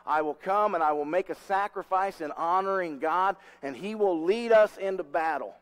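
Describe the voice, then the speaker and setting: A man's voice: high-pitched, moderate pace, smooth, big-room sound, voice pushed up, close to an everyday voice. A man voicing a commanding old prophet who gives firm instructions in a raised voice.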